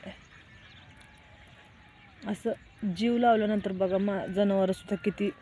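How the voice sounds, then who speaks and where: Mellow, flat-voiced woman. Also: mid-range voice, unhurried, slight background noise. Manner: plainspoken, keeps saying "look" to viewers. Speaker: vlogger. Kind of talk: casual vlog storytelling.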